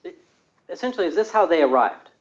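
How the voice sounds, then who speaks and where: A man working as an attorney, questioning a witness in court with halting, rephrased questions. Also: high voice, big pitch swings. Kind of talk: courtroom examination. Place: indoor courtroom. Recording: echoey, muffled courtroom audio.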